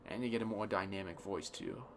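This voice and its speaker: A tired young man rambling casually on a solo podcast, thinking aloud in a self-deprecating way, with a slightly cracky voice and soft, imprecise R sounds. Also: on the low side, fairly quick, noisy background. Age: young adult. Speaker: podcast host. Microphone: close podcast microphone.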